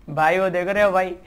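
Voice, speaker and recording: Young guy streaming a game, high voice, hyped, bossing his squad around. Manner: excitable, giving teammates quick orders. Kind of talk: casual gaming commentary.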